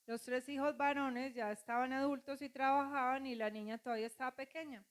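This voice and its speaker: High-voiced woman pastor preaching. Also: fairly even intonation, a little fast. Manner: preaching with call-and-response, acting out quoted voices. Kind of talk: sermon.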